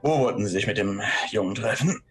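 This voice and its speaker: A man's voice: on the low side, brisk, slightly rough, faint music behind. A man playing a private detective who questions a client hesitantly and methodically in a tabletop role-play. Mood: businesslike, hesitant.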